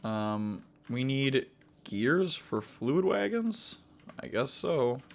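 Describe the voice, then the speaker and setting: Rambling young man with halting fillers. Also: medium pitch, very animated, creaky, slight background noise. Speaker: gaming video host. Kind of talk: casual gameplay commentary.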